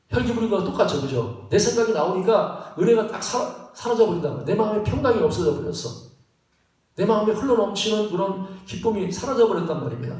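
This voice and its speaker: A man preaching a sermon as pastor, animated and asking his congregation questions. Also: high voice. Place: church sanctuary. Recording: echoey church hall, mic at a distance.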